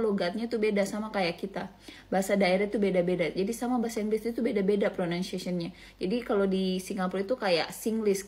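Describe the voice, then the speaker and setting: Woman from Indonesia, Bugis accent, casual animated monologue, slips between languages, laughs easily. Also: medium pitch. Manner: mixes regional language into chatty talk.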